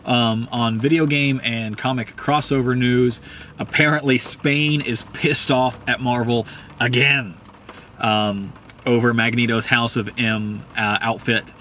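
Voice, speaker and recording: A mid-pitched man rants in a casual, heated way, swearing often and filling gaps with ums and uhs. His voice jumps higher when he gets worked up. A faint hiss of noise sits under the recording. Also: steady tone, a little slow, bright, forceful tone. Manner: profane, heated, rambling with many ums. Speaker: host. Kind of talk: casual ranting commentary.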